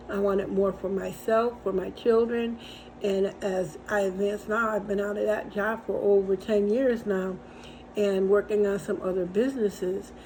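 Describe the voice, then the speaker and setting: A middle-aged woman talks in a relaxed, conversational way, giving faith-based encouragement. Her voice is warm and mellow. She circles back on her phrases and tells small everyday stories, with a faint hiss behind her. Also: medium pitch, low-quality recording. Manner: conversational and repetitive, with storytelling asides. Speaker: host and encourager.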